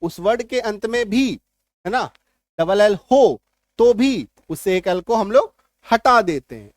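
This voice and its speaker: In an unhurried, lively voice that sits high, a man explains English spelling rules, with no echo on the recording. His teaching is repetitive and reassuring, and he often stops to make sure the students understand.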